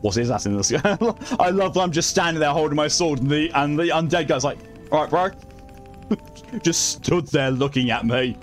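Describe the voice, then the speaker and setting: A man's voice: fairly high pitch, expressive, normal speed. A man streaming a video game, chatting casually in a rambling, wry way with some swearing. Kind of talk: casual live game commentary and chat. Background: game music.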